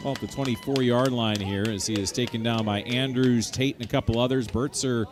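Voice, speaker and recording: A man's voice: medium pitch, fairly even intonation, a little fast. A man calling live American football play-by-play as the game's announcer. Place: outdoors at a football stadium.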